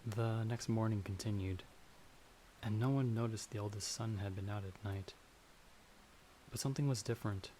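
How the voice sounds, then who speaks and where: A man lightly acts out an easily frightened young farmer traveler, a young adult, in an ASMR fantasy roleplay, polite, timid and slightly formal, speaking hesitantly in an uneasy storytelling mood. His lowish, mellow voice keeps a normal speed but with long pauses. It's a rough recording with slight background noise under stormy night ambience.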